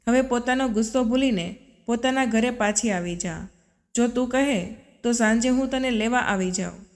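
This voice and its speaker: A woman's voice: fairly high pitch, normal speed, lightly acted. A woman voicing a young husband who pleads with and reproaches his wife, in a storybook reading. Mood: pleading. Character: young husband, earnest then hurt and angry. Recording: long reverb.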